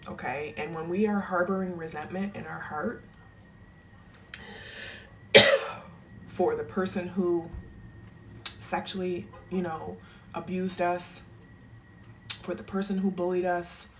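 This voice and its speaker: A woman's voice: fairly low pitch, steady tone, a little slow, long pauses, slight background noise. A woman wellness coach giving a motivational talk, emphatic and emotional, checking in with "okay?" after nearly every point. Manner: emphatic, keeps adding "okay?"; emotional, close to tears.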